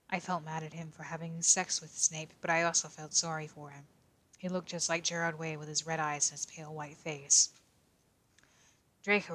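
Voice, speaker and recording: Quiet young male detective, woman voicing: low, flat, in-character fanfic reading.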